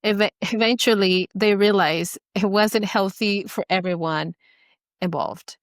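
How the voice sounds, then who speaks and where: A woman hosting a podcast, speaking gently and reassuringly to her co-host and her listeners. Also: medium pitch, unhurried, no echo, studio quality. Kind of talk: supportive podcast conversation.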